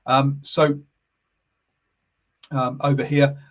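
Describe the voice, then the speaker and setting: A sports radio host from England, a man with a medium-pitched voice, runs a casual sports chat on a live stream. He sounds calm and easygoing, but his speech halts often, full of fillers and self-corrections.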